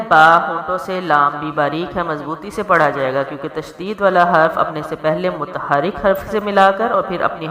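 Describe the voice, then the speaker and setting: Patient woman teacher in echoey room. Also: low-pitched. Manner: patient, explains each sound, checks understanding. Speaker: Quran recitation teacher. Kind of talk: step-by-step recitation lesson.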